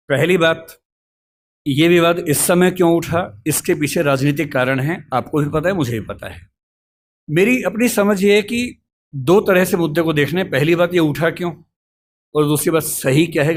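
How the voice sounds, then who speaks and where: A middle-aged man lecturing calmly at a college, explaining a question step by step with a reasoned, storytelling manner. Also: a little high, a little hiss or hum. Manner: calm, reasoned, storytelling asides. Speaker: lecturer answering student questions. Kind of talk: measured explanatory lecture talk.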